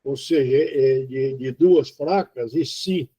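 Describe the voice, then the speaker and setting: A man from Brazil giving an informal spoken lesson on poetry, halting and explanatory, with many fillers and restarts. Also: medium pitch, mellow, breathy edge. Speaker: poetry teacher. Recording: dull lo-fi recording.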